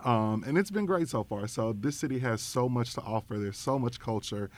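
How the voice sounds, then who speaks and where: A man's voice: mid-range voice, moderate pace, darkish tone. A young man with an Arkansas accent talking casually and enthusiastically as an interview guest. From Arkansas, United States. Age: young adult. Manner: enthusiastic, informal. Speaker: interview guest, nonprofit program director.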